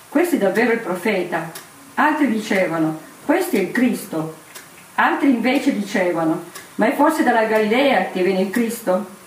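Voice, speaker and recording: Female scripture reader, calm unhurried delivery, recorded from afar in a reverberant room. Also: medium pitch. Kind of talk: reading scripture aloud. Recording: echoey room, distant mic, faint noise.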